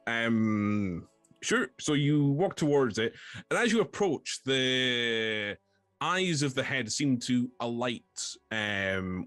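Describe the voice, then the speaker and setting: Man as game master, hesitant scene narration, lively pitch, dry close sound, faint music under. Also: no room sound. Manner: hesitant, many ums and restarts, descriptive.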